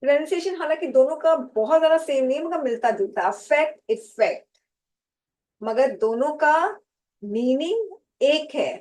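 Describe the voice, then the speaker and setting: A woman teaching a vocabulary lesson to exam students, speaking slowly and deliberately, spelling out and repeating each term. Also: high-pitched, expressive, darkish tone, poor audio. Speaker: English teacher for competitive exams. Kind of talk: slow classroom lecture, mixing Hindi and English.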